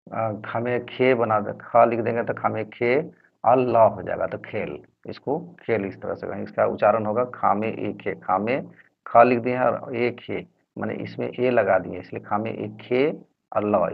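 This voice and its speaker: A man from Jharkhand with a Jharkhand Hindi accent, teaching Hindi letters slowly and repetitively, sounding out each syllable, on a dull lo-fi recording. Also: lowish voice, gravelly, slightly rough. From Jharkhand, India. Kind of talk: explaining Hindi letters at a board.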